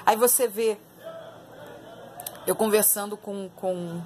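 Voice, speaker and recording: A woman's voice: mid-range voice, steady tone, takes it slowly, a little mellow, a little hiss or hum. A Brazilian woman giving opinionated, emphatic commentary to her viewers in a casual spoken style, repeating phrases for emphasis. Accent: Brazilian Portuguese. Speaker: online political commentator.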